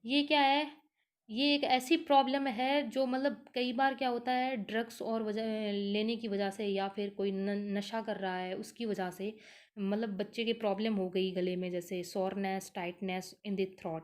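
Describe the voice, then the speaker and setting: A woman teacher, explaining a lesson in Hindi and reading English definitions slowly. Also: mid-range voice, steady tone. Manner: repeats "ठीक है" and "क्या है" as fillers. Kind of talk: lecture explaining slides.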